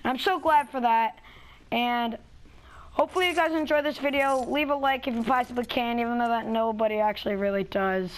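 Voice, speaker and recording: A young woman hosting a gaming video, chatting casually and quickly with a friend while playing. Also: on the high side, rough recording. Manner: chatty, talks fast and restarts often. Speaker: gaming channel host. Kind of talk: casual gameplay chat.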